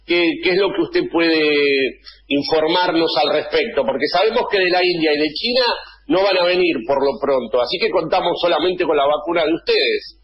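A man's voice: fairly high pitch, normal speed, lo-fi sound. A man hosting a radio interview, asking questions with frequent fillers. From Argentina. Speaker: radio host.

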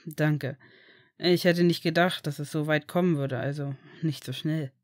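A woman voicing a reserved, quietly warm grown man in a storybook reading, speaking low and measured. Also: steady tone, no echo, clean studio sound. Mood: calm.

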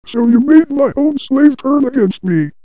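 A woman's voice: high-pitched, lively intonation, a little slow, dark tone, no room sound, low-quality recording. A woman voicing an arrogant, vengeful male villain overlord who makes pompous, theatrical threats in a fan audio drama. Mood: scornful. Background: background music.

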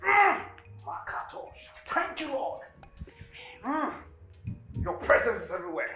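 An actress playing a fervent Nigerian prophetess who prays loudly and speaks in tongues. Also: female voice, high-pitched, big pitch swings, slow pace, faint music behind, exaggerated voice. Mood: ecstatic. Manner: loud, ecstatic, speaks in tongues. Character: fervent praying prophetess, middle-aged woman.

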